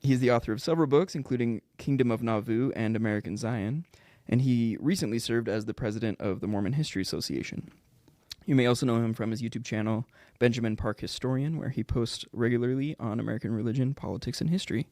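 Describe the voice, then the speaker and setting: A man's voice: mid-range voice, fast, darkish tone, no room sound, clean studio sound. A man hosting a podcast in casual chat, reading the guest's introduction and laughing easily. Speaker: podcast host. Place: studio.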